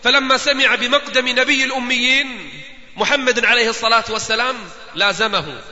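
A man's voice: very high voice, fairly quick, sharp tone. A male preacher telling a story in an impassioned sermon and calling out directly to his listeners. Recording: dull lo-fi sound with long hall reverb.

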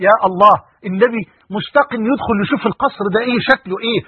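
Impassioned Egyptian preacher over tinny radio. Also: male voice, high voice, very fast, breathy edge, no echo. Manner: impassioned, swings from hushed awe to loud exclamation. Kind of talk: sermon.

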